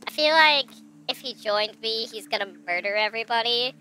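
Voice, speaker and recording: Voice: medium pitch, moderate pace, sharp tone, soft background music. A game streamer talking through a voice changer that disguises the real voice, chatting casually and asking chat for input while playing. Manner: chatty, thinks aloud and asks chat for input. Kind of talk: casual live gameplay commentary.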